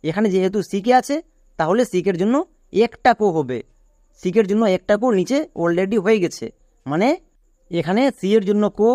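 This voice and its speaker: A man with a high voice teaches an English reading lesson. He explains each rule patiently and repeats it, and he spells words out slowly letter by letter. The sound is dry and close, with no room echo. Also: dark tone. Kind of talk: online phonics lesson.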